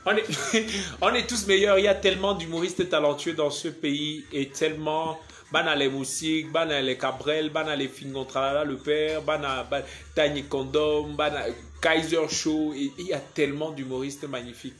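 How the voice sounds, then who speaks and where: Casting: young Cameroonian comic on a live stream, joking, reads viewer comments, voice a touch high. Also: male voice, fairly even intonation, moderate pace, a bit bright. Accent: Cameroonian French. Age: young adult. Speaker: comedian doing a live stream. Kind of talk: casual live-stream chat.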